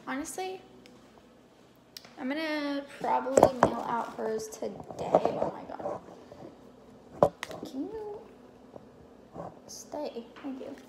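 Chatty young woman, high voice. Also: animated, takes it slowly, gravelly, pauses often. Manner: chatty, rambling, self-deprecating. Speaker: vlogger. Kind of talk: casual haul vlog. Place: home kitchen table, indoors. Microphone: camera on table. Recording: roomy kitchen with background noise.

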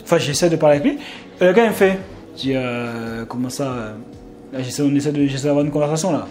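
A man's voice: medium pitch, fast talker, faint music behind. Rambling French man telling a story. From France. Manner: rambling, many fillers and restarts, animated outbursts. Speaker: vlogger. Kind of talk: casual storytelling vlog.

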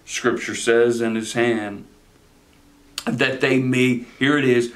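A man in his forties, a pastor preaching a sermon from a chair in a study, animated and gesturing, often repeating words as he starts a phrase. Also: medium pitch. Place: study with bookshelves, indoors.

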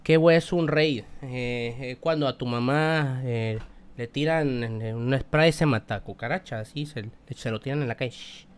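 A Mexican man streaming live, ranting loudly and swearing in exaggerated complaint. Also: mid-range voice, normal speed, smooth.

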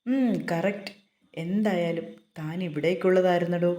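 A friendly, formal middle-aged college principal greeting a new teacher, voiced by a woman storyteller. The voice is low and dark. A roomy echo hangs around it. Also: moderate pace, close to an everyday voice. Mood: affable. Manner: affable, formal.

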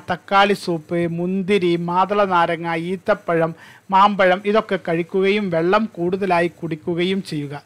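A man with a notably high voice narrates a health lesson from a script. He keeps an even, measured delivery and reads long lists item by item without hurrying. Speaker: health channel presenter.

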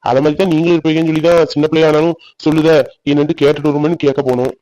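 Guy doing a pushy young village guy arguing in a cartoon, fast and insistent. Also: fairly high pitch, little pitch movement, dark tone, natural voice, poor audio. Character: young village man, worried and argumentative. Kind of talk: cartoon voice acting.

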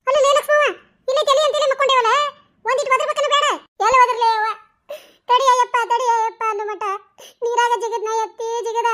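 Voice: extremely high pitch, level tone, a little fast, a bit bright. A voice actor playing an anxious, doting old village mother in a cartoon, pleading and wailing with a North Karnataka accent. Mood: agitated. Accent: North Karnataka Kannada. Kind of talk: cartoon voice acting.

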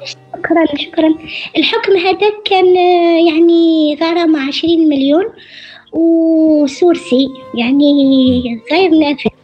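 High-voiced Algerian woman over the phone. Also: fairly even intonation, soft background music. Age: middle-aged. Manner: halting, many hesitant fillers. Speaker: caller. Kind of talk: telling her story in a call-in show. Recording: dull phone line.

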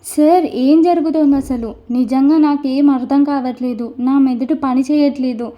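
A woman's voice: sits high, fairly even intonation, normal speed, close to an everyday voice. A woman voicing a frightened young bride who pleads through tears in a storybook narration. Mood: tearful pleading. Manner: pleading, crying, breathless questions. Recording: dull lo-fi recording.

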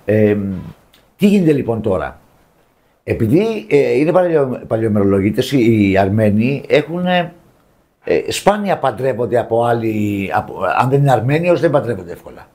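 A man co-hosting a celebrity gossip show in loose, casual chat. He sounds scornful and teasing as he mocks the stars he talks about. His voice sits at an ordinary middle pitch for a man. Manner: scornful, mocking, animated opinions. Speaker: showbiz show co-host.

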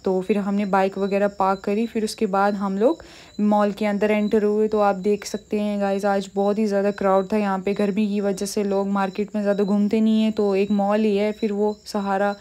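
A woman's voice: medium pitch, completely flat delivery, moderate pace, warm tone. A young woman from Jammu narrating a casual shopping vlog in a chatty, listing way. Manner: chatty, listing things with lots of "vagairah" and "to guys". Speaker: vlogger.

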